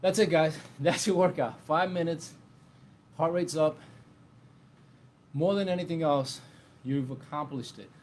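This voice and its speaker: This fitness instructor's slightly high voice comes through reverberant and distant, with clear background noise. Guiding a short workout at home, he talks a little slowly and pauses often, explaining every exercise casually and encouragingly as he goes.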